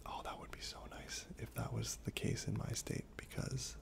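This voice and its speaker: A man speaking in a soft, breathy half-whisper, gently reading trivia aloud in an ASMR style while chewing gum. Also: fairly low pitch, level tone, moderate pace. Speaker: ASMR host.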